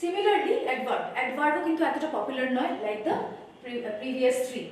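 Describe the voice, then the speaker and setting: Woman teacher, Bengali accent, high voice, explains step by step, heavy room echo, distant mic. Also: big pitch swings, moderate pace, a little hiss or hum. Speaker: spoken English teacher. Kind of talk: course introduction lesson. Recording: roomy echo, voice from far off.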